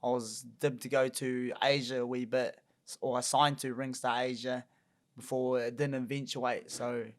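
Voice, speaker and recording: A man's voice: medium pitch, flat delivery, moderate pace. Laughing New Zealand man telling stories. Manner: chatty, laughs often while telling stories. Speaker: guest boxer. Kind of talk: casual podcast interview.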